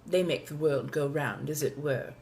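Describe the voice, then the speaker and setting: A woman's voice: low voice, vocal fry, darkish tone. Woman as an ancient vampire lady, posh colonial accent. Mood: genteel, stern. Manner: refined, formal, old-fashioned wording, drawn-out deliberate phrasing. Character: ancient genteel female vampire, courteous but imperious. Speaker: livestream host answering viewer questions. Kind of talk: in-character live question-and-answer chat.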